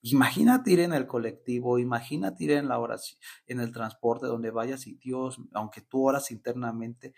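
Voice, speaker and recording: Husky man preaching with passion. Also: medium pitch, moderate pace, few pauses. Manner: passionate, repeats "¿verdad?" often. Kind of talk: devotional teaching.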